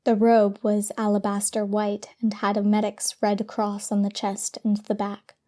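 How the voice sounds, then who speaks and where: A woman narrating an audiobook in a steady, even storytelling manner. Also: mid-range voice, measured pace. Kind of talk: scripted narration.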